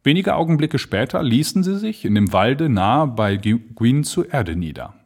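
A man narrating an audiobook in an expressive storytelling manner. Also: medium pitch, moderate pace, slightly rough. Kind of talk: scripted narration.

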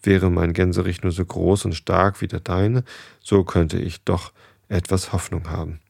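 A man's voice: sits low, little pitch movement, a little slow, creaky, darkish tone, no echo, clean studio sound, exaggerated voice. A man reading the lines of a worried goose sister in a children's story, barely changing his own voice. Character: anxious gossiping goose sister.

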